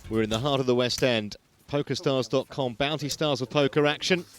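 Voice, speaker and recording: A man calling the play-by-play at a poker tournament, narrating the action in a dry, measured way. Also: medium pitch, faint music behind.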